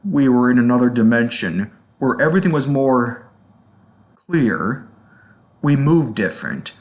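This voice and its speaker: A man's voice: medium pitch, expressive, unhurried, close to an everyday voice. A man voicing a weary, despairing cartoon father in a dramatic reading, resigned and mumbling. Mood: dazed, mournful.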